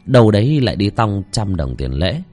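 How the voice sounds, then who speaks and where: A man telling a village horror story in a dramatic, expressive voice. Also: fairly low pitch, moderate pace, soft background music.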